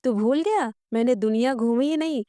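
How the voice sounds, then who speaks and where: A woman's voice: fairly high pitch, moderate pace, dark tone, no echo, clean studio sound, voice pushed up, close to an everyday voice. A woman voicing a cheeky male eagle sidekick in human form who teases his friend. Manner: teasing and cheeky.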